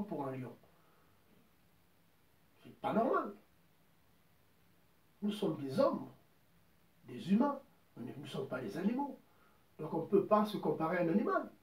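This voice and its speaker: A man's voice: sits high, a little mellow, far from the mic. Emphatic male preacher in an echoey room. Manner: emphatic, repeats words, quotes scripture at length. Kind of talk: informal sermon. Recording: roomy echo, voice from off mic.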